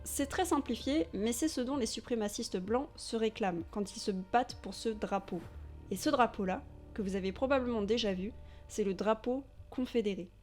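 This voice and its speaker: Woman from France, voice-over narration, slightly high voice, measured and emphatic, soft music underneath. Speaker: narrator of a video essay. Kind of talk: scripted documentary narration.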